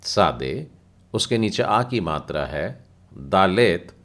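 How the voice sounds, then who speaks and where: A man's voice: deep voice, very animated, takes it slowly, a bit bright. A man teaching a Bible language class, patiently spelling out letters and their sounds step by step. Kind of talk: slow explanatory lesson.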